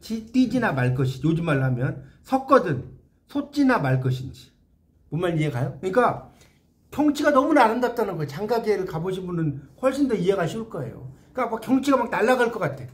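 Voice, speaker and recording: High, lively man lecturing a class. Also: fast talker. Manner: animated, questions the class often and explains line by line. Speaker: literature lecturer.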